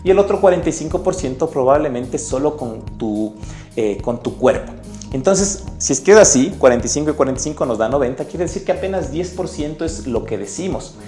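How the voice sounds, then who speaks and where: In an echoey room with faint music, a man presents an animated sales lesson summarizing a sales book. His voice is a little high and mellow, fairly quick and animated, and he speaks straight to the viewer in an upbeat, emotive way.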